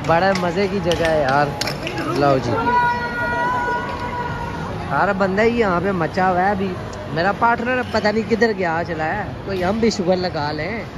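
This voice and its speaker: A travel vlogger in his 20s with a high voice chats playfully to viewers, leaning on slangy, repeated phrases. He moves through a car, a parking garage and a busy indoor mall, holding his phone at arm's length. The handheld recording is noisy, with loud ambient sound.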